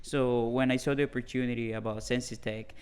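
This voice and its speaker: A man co-hosting a casual podcast, speaking earnestly in a halting way with frequent restarts. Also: medium pitch, steady tone, darkish tone, smooth. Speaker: podcast co-host.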